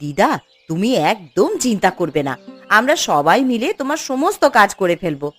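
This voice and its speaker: A woman voicing an eager young eldest sister in a cartoon, coaxing and hurried. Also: mid-range voice, sing-song, fairly bright tone, soft background music. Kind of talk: cartoon voice acting.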